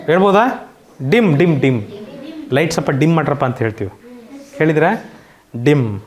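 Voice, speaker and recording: A woman with a Kannada accent teaches an online coaching class in a lowish voice. She drills English words one by one, asking the class and supplying each answer herself. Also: expressive, normal speed, darkish tone.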